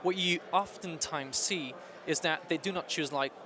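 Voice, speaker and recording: A man's voice: a little high, moderate pace, noisy background. A man from France with a French accent, answering as an interview guest in a conversational way. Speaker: interview guest, technical marketing manager. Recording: busy crowd chatter behind.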